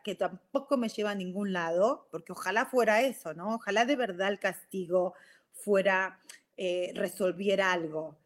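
A woman's voice: medium pitch, fairly bright tone. Chatty Rioplatense woman with "ok?" tags. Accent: Rioplatense Spanish. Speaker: live stream host. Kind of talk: casual talk on self-growth.

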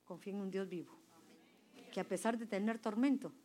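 A woman addresses a women's church group with an emphatic sermon, questioning her listeners as she goes. Her mid-range voice moves fairly quickly, and her volume rises and falls between loud and soft.

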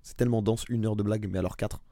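A man co-hosting a podcast in casual chat, rambling with restarts and getting animated about comedy. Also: lowish voice, racing, no room sound. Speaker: podcast co-host.

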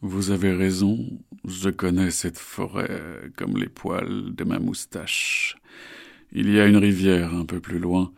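A man voicing a sly male panther in a storybook, speaking slowly in a raspy, falsely reassuring tone. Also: deep voice, flat delivery, darkish tone, heavily acted. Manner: slow, smooth and falsely reassuring.

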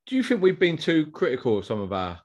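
A man's voice: fairly high pitch, huge pitch swings, fast. A man with an Essex accent co-hosting a casual football chat in matey, slangy, colloquial speech. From Essex, England. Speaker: podcast co-host.

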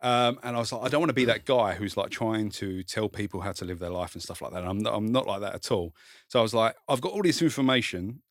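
With a lowish, expressive voice and a quick pace, this Kent man is captured in clean, echo-free studio sound. He's a content creator and author appearing as a podcast guest, chatting informally and modestly about his life in an Essex-like south-east English accent, and he swears.

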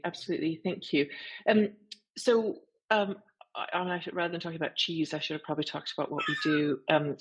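A woman who founded a market research firm, speaking as a webinar guest in a relaxed way with hesitant ums. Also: deep voice, breathy edge.

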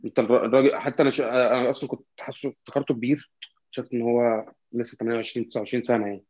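A man with an Egyptian Arabic accent in casual football discussion, halting and repetitive as he searches for words. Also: medium pitch, little pitch movement, a little mellow, no room sound, lo-fi sound. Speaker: football fan commentator.

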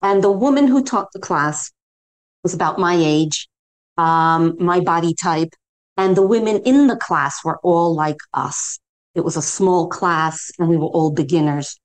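A middle-aged woman from New York with an American accent, a yoga teacher telling her story in a measured, reflective way as a podcast guest. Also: fairly low pitch. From New York City.

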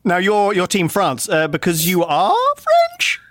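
A man's voice: sits high, huge pitch swings, a little slow, a bit bright, no echo. A man hosting a comedy podcast, upbeat and laughing often as he jokes with his guests. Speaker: podcast host.

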